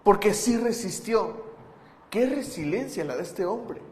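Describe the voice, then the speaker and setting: A man's voice: sits high, lively intonation, unhurried, a little mellow. A pastor preaching a conversational sermon, asking his listeners rhetorical questions. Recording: echoey hall with long reverb.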